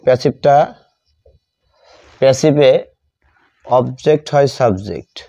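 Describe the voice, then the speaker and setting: Dictating term by term and repeating as he goes, a male grammar teacher who is a native Bengali speaker leads a deliberate, step-by-step lesson. His mid-range voice is creaky and mellow, and the recording is muffled.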